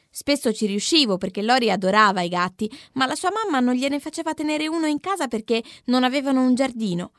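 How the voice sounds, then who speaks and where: A woman narrating a children's story in a clear, expressive way. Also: on the high side, dry recording, clean studio sound. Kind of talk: storybook reading.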